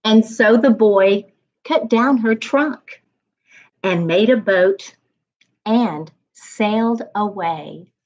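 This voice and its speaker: A woman narrating a children's storybook aloud as a reading coach, with deliberate, expressive phrasing. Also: mid-range voice, dull audio.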